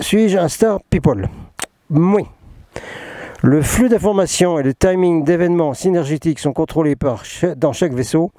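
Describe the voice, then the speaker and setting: A talkative man who rambles, restarts and pokes fun at himself as he reads and comments. His voice sits slightly high yet sounds mellow and soft-edged. The recording is close and dry, with no room around it. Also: no echo. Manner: jokey, self-mocking, rambling with many restarts. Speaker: spiritual channeler hosting a talk. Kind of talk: casual spoken talk mixing reading and asides.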